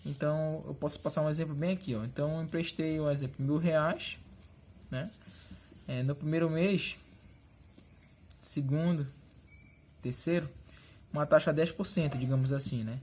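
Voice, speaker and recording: A male math teacher explains each step of a lesson, pointing at the board and asking quick check-in questions. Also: fairly high pitch, steady tone, darkish tone, a little hiss or hum.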